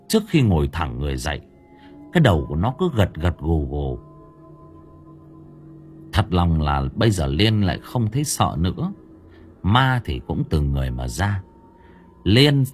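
Lively male audiobook narrator. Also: fairly low pitch. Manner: lively storytelling with colloquial humor. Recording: faint music behind.

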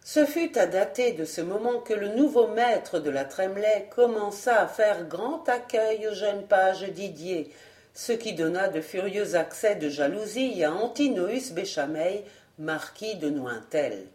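A woman reading a classic novel aloud in a measured, even storytelling manner. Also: mid-range voice, echoey room. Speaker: audiobook reader. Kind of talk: literary audiobook narration.

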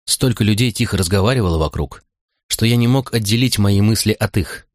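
A man giving measured first-person audiobook narration. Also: lowish voice, dry recording, studio quality.

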